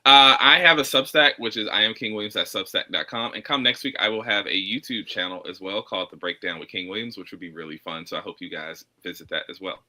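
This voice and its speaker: A man speaks quickly with a sharp, forceful voice as a guest on a video call. He jokes in a dry way. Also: on the low side. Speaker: guest, writer. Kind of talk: casual chat.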